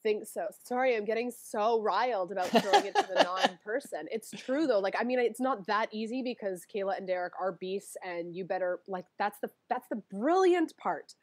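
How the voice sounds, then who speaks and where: A woman chatting casually as a guest, animated and quick, laughing often and circling back to her points. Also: mid-range voice. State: allergies, sniffly. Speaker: guest, former reality show contestant. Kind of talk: casual chat.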